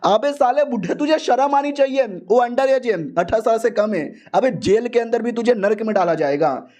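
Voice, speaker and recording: A man's voice: high voice, brisk, natural voice. A man doing a brash young disciple. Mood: scolding. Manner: slangy, cheeky, panics loudly. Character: young male cultivator disciple, brash and jumpy.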